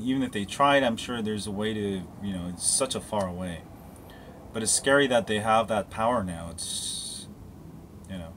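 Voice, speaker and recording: A man with a mid-range voice, recorded with slight background noise, runs a casual live stream from a handheld phone. Walking around and sometimes heading outdoors, he answers viewer questions about phones and anything else, rambling loosely with frequent restarts and asides.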